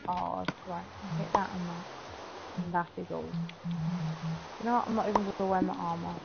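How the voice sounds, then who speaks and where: Woman rambling and cussing at a game on stream, bit of fry in the voice, lo-fi noisy audio. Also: fairly low pitch, fairly even intonation, a little fast. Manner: chatty, swears at the game. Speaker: gaming streamer. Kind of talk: live gameplay commentary.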